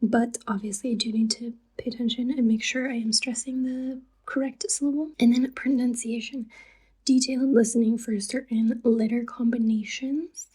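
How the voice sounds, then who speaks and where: Soft-spoken breathy woman vlogger. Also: fairly high pitch, fairly even intonation, normal speed, poor audio. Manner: chatty and loose, with casual asides. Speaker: language learner vlogger. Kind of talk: casual chat to camera.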